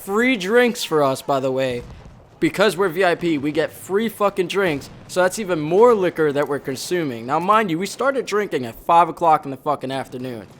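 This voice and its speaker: A young man from the Bronx tells a casual, foul-mouthed story over gameplay, rambling and backtracking as he goes. His voice sits a touch higher than most men's, with a faint hiss of noise underneath. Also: lively intonation, normal speed. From the Bronx, New York. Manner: rambling, heavy swearing, frequent self-corrections. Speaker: former Marine storyteller.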